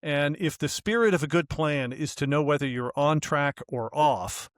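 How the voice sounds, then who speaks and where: A man's voice: on the high side, moderate pace, dry recording, studio quality. A man co-hosting a business podcast, talking casually and thinking aloud with fillers and restarts. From US West Coast. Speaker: podcast co-host. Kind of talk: casual conversational podcast talk.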